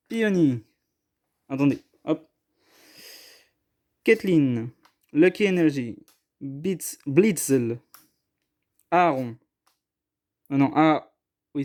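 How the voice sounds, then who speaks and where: A man's voice: fairly high pitch, a little mellow. Hesitant, apologetic man unboxing cards. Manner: apologetic, hesitant, self-deprecating. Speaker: YouTuber opening trading card boxes. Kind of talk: casual unboxing chat.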